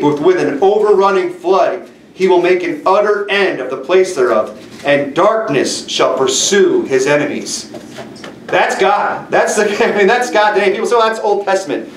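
A middle-aged man preaches in a small church room, dwelling slowly on each line of scripture. His voice sits a little high. It comes from a distance, with a roomy echo and faint background noise. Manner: forceful preaching with slow emphatic scripture reading. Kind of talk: sermon. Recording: echoey room from far off.

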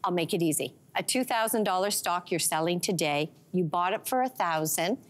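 A middle-aged woman, a financial commentator explaining tax rules with worked dollar examples on a studio talk show, on a lapel mic. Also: fairly low pitch. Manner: brisk explainer walking through dollar examples.

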